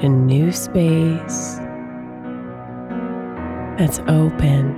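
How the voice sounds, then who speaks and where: A woman host speaking a slow, soft guided meditation prayer, some lines near a whisper. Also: deep voice, fairly even intonation. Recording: music bed under the voice. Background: soft new-age guitar music.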